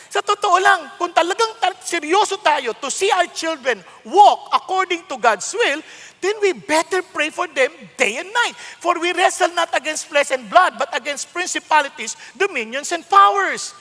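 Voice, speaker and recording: A man in his sixties with a Filipino accent preaching a sermon, mixing Tagalog and English in an emphatic, conversational way with sudden loud outbursts. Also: extremely high pitch, expressive, moderate pace. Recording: long hall reverb.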